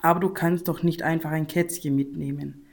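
A woman voicing a doubtful, stern father in a story, with a slightly lowered voice. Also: steady tone, normal speed, vocal fry.

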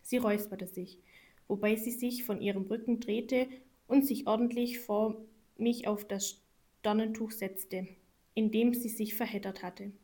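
A woman's voice: medium pitch, fairly even intonation, measured pace, dark tone. Woman reading a storybook aloud. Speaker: narrator.

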